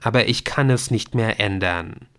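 A man voicing a dead father who speaks calmly and gently apologizes in an audiobook. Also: lowish voice. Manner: calm, measured, softly repeating apologies.

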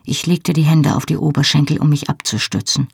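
A woman reads a first-person novel in measured storytelling. Her voice is low and husky, with a gravelly fry. The recording is close and dry. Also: darkish tone, no room sound. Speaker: audiobook narrator.

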